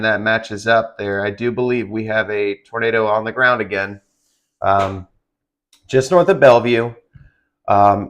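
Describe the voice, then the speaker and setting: A man doing live severe weather commentary, halting and improvised, giving urgent and direct warnings to listeners. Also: fairly low pitch, a bit bright. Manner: halting, improvised phrasing with repeated restarts. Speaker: live-stream weather broadcaster.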